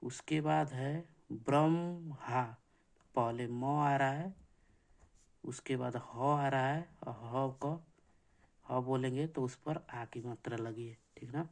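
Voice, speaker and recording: A man teaching an exam-prep grammar lesson, slow and repetitive, counting things out and asking checking questions. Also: mid-range voice, steady tone.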